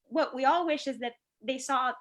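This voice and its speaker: Middle-aged woman, higher pitch, dermatologist host, emotional storyteller who restarts sentences often. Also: moderate pace, a little hiss or hum. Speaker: dermatologist hosting a panel. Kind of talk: conversational panel discussion.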